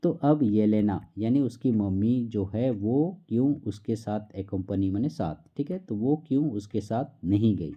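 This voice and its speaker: A man teaching a class quiz, who reads each question slowly and keeps checking in with the listener. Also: on the low side, expressive, slightly rough, dull audio. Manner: repeats "theek hai" often, reads questions slowly.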